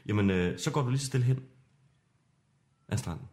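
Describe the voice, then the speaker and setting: A man hosting a podcast as game master, narrating an improvised adventure in a hushed, suspenseful way. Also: mid-range voice.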